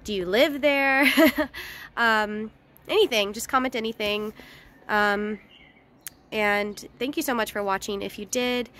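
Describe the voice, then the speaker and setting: A woman vlogging casually while walking outdoors through an old town, chatty and slightly hoarse, with lots of fillers. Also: on the high side, measured pace, fairly bright tone. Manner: chatty, laughs often, hesitant fillers. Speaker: travel vlogger.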